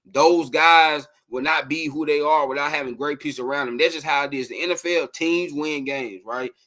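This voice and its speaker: Male sports podcast host, slightly raised pitch, casual rambling livestream talk. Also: normal speed. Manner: rambling, animated, addresses viewers as y'all.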